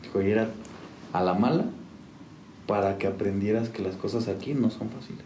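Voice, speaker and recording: A man's voice: lowish voice, a little fast, warm tone. A man, a musician telling stories casually, rambling with many restarts and fillers. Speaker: musician guest. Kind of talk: casual storytelling. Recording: echoey room with faint noise.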